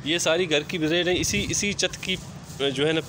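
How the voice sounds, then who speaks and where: A man's voice: on the high side, fairly even intonation, moderate pace, pushed and bright. A man gives a casual, chatty walk-through of his rooftop yard, often repeating filler phrases. He films on a handheld phone camera outdoors. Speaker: poultry vlogger. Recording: outdoor ambient noise.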